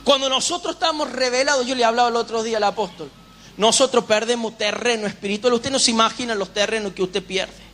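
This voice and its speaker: High-voiced preacher. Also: male voice, fast, a bit bright, slight background noise. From Uruguay. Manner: fervent testimony with rhetorical questions to the congregation. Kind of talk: sermon.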